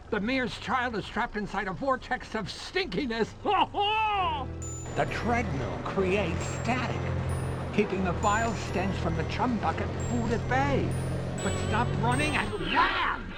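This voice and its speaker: A cartoon bubble villain with a high voice that swoops theatrically. He gloats in slow, drawn-out phrases, petty and wicked, with loud music behind. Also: exaggerated voice. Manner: drawn-out gloating with evil cackles. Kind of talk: cartoon game voice acting.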